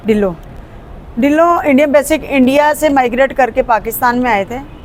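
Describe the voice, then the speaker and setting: A Pakistani woman with a Punjabi accent, answering interview questions casually, with hesitant pauses and restarts. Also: sits high, a crowd in the background. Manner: hesitant, with frequent fillers and restarts. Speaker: interview guest.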